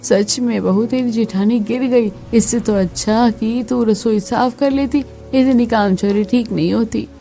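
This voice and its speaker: A woman's voice: fairly high pitch, a little slow, vocal fry, few pauses, mellow, soft background music. A woman voicing a preachy, disapproving older aunt-in-law visiting the family in a skit. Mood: lecturing.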